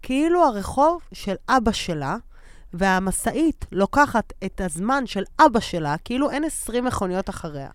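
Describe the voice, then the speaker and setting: A woman co-hosting a podcast in casual chat, telling stories with animated acted-out quotes. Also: medium pitch, no room sound, studio quality. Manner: animated storyteller, acts out quotes. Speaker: podcast co-host.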